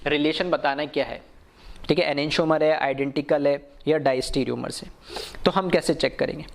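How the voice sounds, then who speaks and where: A man teaching a chemistry lesson, asking questions and answering them himself, and dictating definitions slowly. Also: on the high side, steady tone, vocal fry. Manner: slow, dictated English definitions. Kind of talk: online lecture.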